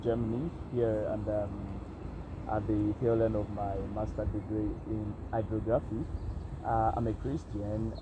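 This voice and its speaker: A young Nigerian man with a Nigerian accent records a vlog as a casual self-interview monologue, hesitant, reflective and full of fillers. His voice is on the low side, against a noisy background.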